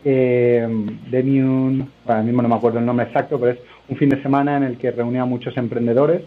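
Speaking briskly with little rise or fall in his medium pitch, this male guest entrepreneur from Spain gives loose, hesitant answers in a conversational interview. The audio has the narrow quality of a phone line.

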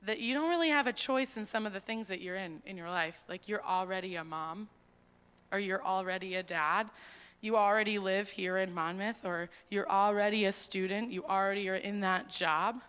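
Young woman, sermon, earnest conversational delivery, bright tone, long hall echo. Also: mid-range voice, moderate pace, smooth. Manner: conversational and earnest, with fillers and animated retellings. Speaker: preacher. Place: church hall.

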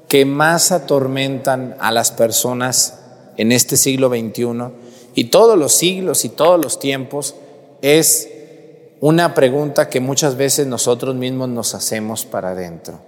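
A man's voice: mid-range voice, unhurried, in a large hall. A man, a priest preaching a sermon in a conversational way, with rhetorical questions to his congregation.

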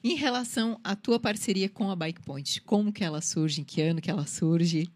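An interviewer in a casual chat asks brief questions and reacts with short comments. The voice is a bit husky, at a middle pitch. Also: normal speed.

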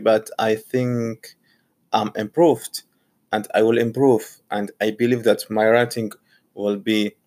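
In a casual personal monologue, a man from Saudi Arabia who is a graduate student and teacher, with Arabic as his first language, reflects on learning English. His voice is lowish with a darkish tone, and he halts often, repeating or restarting phrases.

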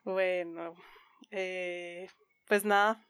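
A woman's voice: lowish voice, fairly even intonation, drawn-out words, a bit bright, clear, resonant tone, no room sound. Woman, podcast co-host, casual chat, giggly, informal, self-deprecating, close dry sound. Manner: giggly, frequently laughing.

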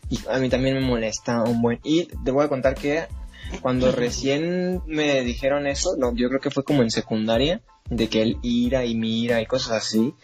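Brief: Mexican male podcast host, casual banter, animated storyteller who jokes and curses, faint music behind. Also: medium pitch, normal speed. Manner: animated storyteller, joking and swearing. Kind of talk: casual chat.

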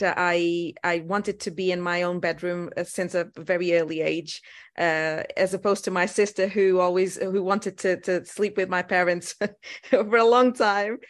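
A middle-aged woman from Portugal with a Portuguese accent, talking as a guest on a casual interview podcast, thoughtful and pausing often with fillers and restarts. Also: mid-range voice, level tone, a bit bright.

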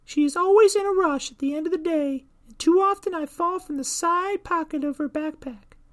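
Guy doing a squeaky prim mitten girl, kinda vain, way up high. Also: moderate pace, a bit bright.

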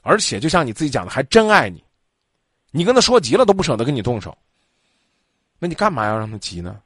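Blunt, animated man host. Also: mid-range voice, quick pace, slightly rough, dry recording, studio quality. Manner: blunt, lively, scolding, acts out quotes. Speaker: radio advice show host. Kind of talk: call-in advice talk.

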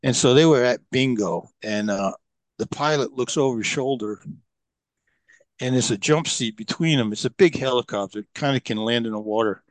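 A man's voice: medium pitch, normal speed, no echo. Middle-aged man telling stories casually. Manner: rambling, many fillers and restarts. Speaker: podcast guest. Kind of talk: casual storytelling.

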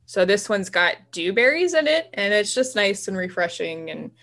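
A woman's voice: medium pitch, big pitch swings, normal speed, fairly bright tone. Woman co-host, chatty and rambling, easy laughter. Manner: enthusiastic about marine biology. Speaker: podcast co-host. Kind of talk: casual chat.

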